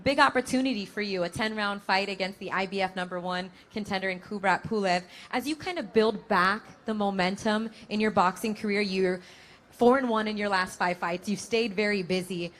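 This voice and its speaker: A woman's voice: medium pitch, a little fast, a bit bright. A woman with an American accent, hosting a boxing press conference as moderator. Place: live press event, at a table of fighters.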